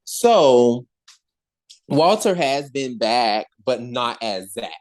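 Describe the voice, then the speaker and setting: Woman podcast host, casual gossip, slangy, very expressive pitch, slow easy delivery. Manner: animated, slangy, laughs often.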